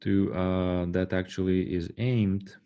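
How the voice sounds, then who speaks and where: Deep-voiced man lecturing with many fillers. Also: level tone, muffled recording. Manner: halting, many fillers and restarts; asks the class rhetorical "right?" checks. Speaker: university lecturer. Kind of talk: classroom lecture.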